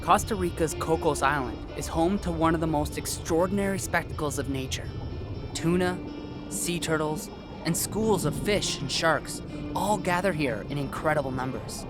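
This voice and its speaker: A man's voice: a little high, moderate pace. A young man presenting and narrating a nature documentary in a scripted style. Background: music bed under the voice.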